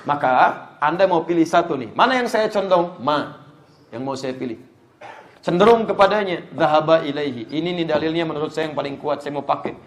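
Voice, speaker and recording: A man preaching an Islamic lecture to a live congregation, lively and joking as he speaks to the audience directly. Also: fairly high pitch. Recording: echoey room.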